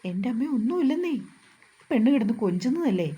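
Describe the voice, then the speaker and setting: A woman reading out a cocky young husband who bosses and teases with a mock-stern edge. The voice is mellow and a little breathy, and it stays close to the reader's own. It is part of a storybook narration. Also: on the high side, sing-song, a little fast. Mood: teasing. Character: bold, teasing young husband.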